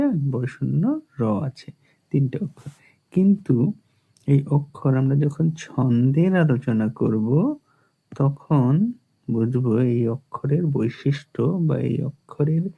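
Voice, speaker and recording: A man's voice: mid-range voice, vocal fry, husky. A man teaching a lesson, explaining verse rhythm and asking and answering his own questions as he writes on a board. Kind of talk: explaining Bengali prosody at a board. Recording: tinny phone-like recording.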